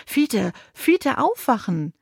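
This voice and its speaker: A woman's voice: mid-range voice, lively intonation, moderate pace, no echo, studio quality. A woman reading the lines of a clever older sister who patiently explains things in a children's audio story. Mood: explaining.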